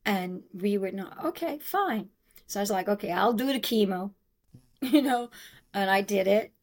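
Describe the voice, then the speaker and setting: A middle-aged woman, telling her own story as an interview guest, animated and acting out what others said, laughing often. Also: mid-range voice, moderate pace. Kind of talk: conversational storytelling.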